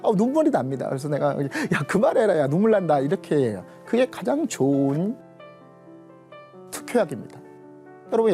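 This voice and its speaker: A middle-aged man giving a lively lecture, often turning to the audience and acting out what others said. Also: high voice. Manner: animated, addresses the audience often, acts out quoted people.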